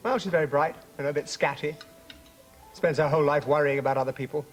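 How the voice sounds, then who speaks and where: An actor playing a self-pitying ex-husband, high voice. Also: male voice, steady tone, fast, soft background music, natural voice.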